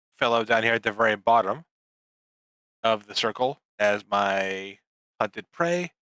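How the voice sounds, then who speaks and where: A man's voice: lowish voice, bright, forceful tone, clean tone, no echo, rough recording. A man playing in a tabletop game, talking through his moves hesitantly and trailing off. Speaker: player. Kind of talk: casual tabletop play.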